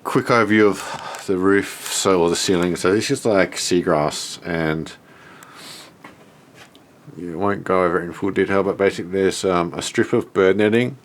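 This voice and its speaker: A man with an Australian accent speaks in a very low register, sounding bunged up in the nose. He talks casually and off the cuff, as if showing someone around. His delivery is laid-back, working things out aloud as he goes. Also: moderate pace. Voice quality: stuffed-up, nasal from a blocked nose. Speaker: vlogger showing a self-built shed. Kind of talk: casual unscripted walk-through to camera.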